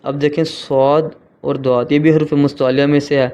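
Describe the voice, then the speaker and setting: A man with a Pakistani Urdu accent teaching beginners to pronounce letters, in a slow, patient tutorial manner with drawn-out letter sounds. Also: a little high, level tone, warm tone, smooth. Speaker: Quran reading teacher.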